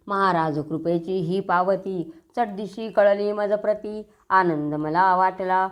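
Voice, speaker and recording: A woman with a Marathi accent reciting devotional scripture verses in a steady sing-song reading, with small slips and restarts. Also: mid-range voice.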